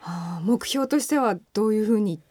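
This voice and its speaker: Attentive woman interviewer with a dry, mellow voice. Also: medium pitch, lively intonation, fast talker, dry recording. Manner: attentive, with constant short backchannel replies. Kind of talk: broadcast interview.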